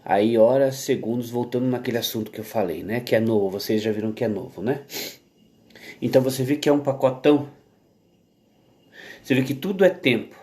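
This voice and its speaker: A Brazilian man talks through a slow, casual vlog at home. His voice sits in an ordinary middle pitch. He rambles, restarts his sentences and keeps checking in with his listener. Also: darkish tone. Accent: Brazilian Portuguese. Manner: rambling and halting, with many restarts and tag questions. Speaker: vlogger. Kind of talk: casual monologue to camera.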